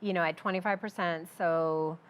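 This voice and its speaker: A woman chef explaining a recipe during a cooking demo, relaxed and practical, with frequent fillers. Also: on the low side, normal speed, clear, resonant tone.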